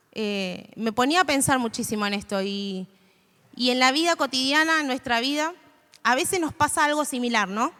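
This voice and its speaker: A woman's voice: high voice, sharp tone. A woman in her twenties giving an informal, hesitant sermon to a live audience, with many fillers and restarts. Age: 20s. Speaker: youth church speaker. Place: stage in a hall before an audience. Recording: long hall reverb.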